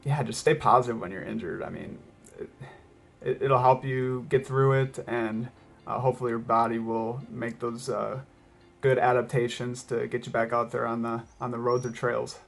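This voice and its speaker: A man talking casually as a running vlogger, reflective and hesitant, often pausing mid-thought. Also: mid-range voice, steady tone, vocal fry. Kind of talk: casual vlog talk to camera.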